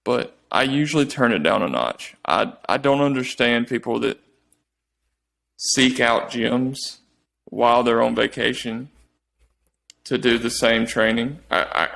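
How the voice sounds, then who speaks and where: Male podcast co-host with a gravelly edge, middle pitch, loose and teasing. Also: fairly bright tone. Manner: rambling, teasing, with many restarts and fillers. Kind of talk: casual chat.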